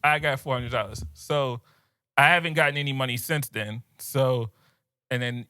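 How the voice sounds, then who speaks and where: A young podcast co-host tells a story in casual chat, animated and laughing often, and he drops into quiet voices whenever he quotes someone. His voice is medium-pitched and smooth at a moderate pace. The sound is dry and clean, studio-grade.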